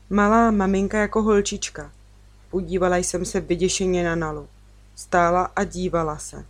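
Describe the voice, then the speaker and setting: A woman narrating a children's book in the first person, with gentle and even storytelling. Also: on the low side. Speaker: audiobook reader.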